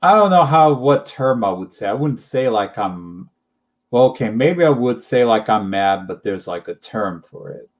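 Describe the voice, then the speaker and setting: A man's voice: mid-range voice, expressive, moderate pace. A young man chatting casually as a channel host, rambling and hesitant, full of fillers and little laughs. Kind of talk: casual chat.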